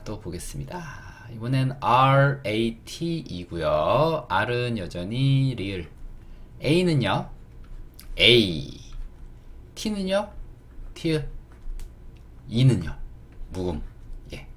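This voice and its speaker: A man's voice: on the low side, big pitch swings, fairly bright tone. A man teaching beginners English words, patiently asking questions and answering them himself. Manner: spells words slowly letter by letter.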